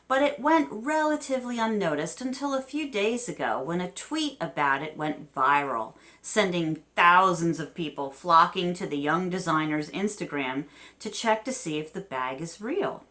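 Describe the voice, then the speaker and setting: A woman in her fifties with a New Jersey accent hosts a homemade vidcast, reading strange news with chatty, wry side remarks. Her pitch swings up and down with lively animation. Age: 50s. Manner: chatty, adds wry asides and laughs. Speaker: host.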